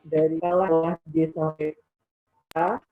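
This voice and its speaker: A woman's voice: low-pitched, flat delivery. Woman's voice breaking up on a call. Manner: halting, with many hesitations. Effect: voice breaking up over an unstable call connection. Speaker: scout leader giving opening remarks. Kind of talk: formal speech on a video call. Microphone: video call. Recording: tinny, dry video-call audio.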